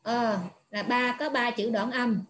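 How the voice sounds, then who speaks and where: A woman, a Buddhist nun patiently explaining pronunciation in an online lesson, with many pauses and filler sounds. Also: fairly high pitch, fairly even intonation, slight background noise. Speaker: Buddhist nun teaching Pali.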